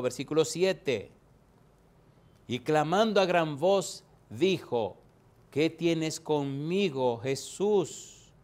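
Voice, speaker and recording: Slow, emphatic preaching man. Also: medium pitch. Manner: dramatic, rising to loud emphatic bursts; quotes scripture references slowly and deliberately. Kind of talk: sermon.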